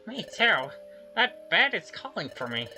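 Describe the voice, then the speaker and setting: A woman reading video game dialogue aloud with expressive, animated delivery. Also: medium pitch, a little slow, soft background music. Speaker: game player voicing dialogue.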